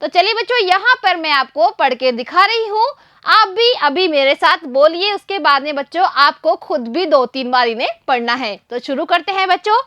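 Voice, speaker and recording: A woman's voice: very high voice, expressive, normal speed, bright, forceful tone, dry recording, clean studio sound. A woman teacher giving a first-grade reading lesson, spelling out each word sound by sound and prompting the children to repeat after her.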